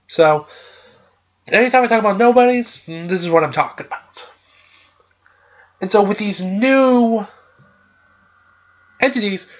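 A man's voice: high-pitched, lo-fi sound. A man hosting a podcast, casually recapping a video game plot in a rambling, filler-heavy way.

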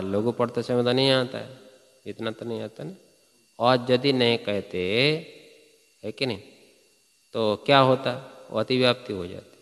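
A man's voice: mid-range voice, a bit bright. A man teaching Sanskrit grammar in a class, reciting rules and often asking his students questions to check they follow. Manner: recites Sanskrit sutras then explains. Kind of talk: classroom lecture. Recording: reverberant hall.

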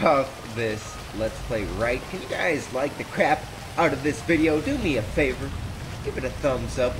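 Hyper young man hosting a let's play. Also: mid-range voice. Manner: hyper, joking, shouting bursts. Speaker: gaming channel host. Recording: noisy game audio underneath.

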